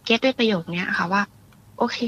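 A woman calling in to a radio talk show and telling her story in a fast, animated way. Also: medium pitch, dull audio, a little hiss or hum. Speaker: caller. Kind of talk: casual chat.

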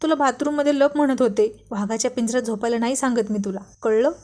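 A woman voicing a panicky, quick-tempered young wife who scolds and pleads with her husband. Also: on the high side, fairly even intonation, dark tone, a little hiss or hum, lightly acted. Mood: flustered scolding.

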